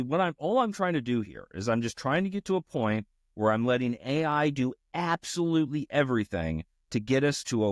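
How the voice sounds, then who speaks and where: A man's voice: fairly low pitch, dry recording, studio quality. A man talking casually while he codes on screen, frustrated and swearing at his tool as he goes. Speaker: podcast host coding on screen. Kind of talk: casual screen-share commentary while coding.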